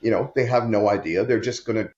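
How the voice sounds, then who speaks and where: Podcast host guy listing stuff with lots of ums, lowish voice, roomy echo. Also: quick pace, darkish tone, muffled recording. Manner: rambling, hesitant, listing ideas. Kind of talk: casual podcast chat.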